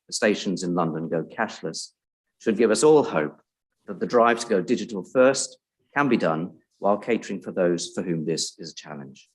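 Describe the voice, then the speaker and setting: Man, low husky voice, formal event speaker, measured delivery. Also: poor audio. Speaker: event speaker introducing a report. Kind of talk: formal prepared speech. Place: public event venue.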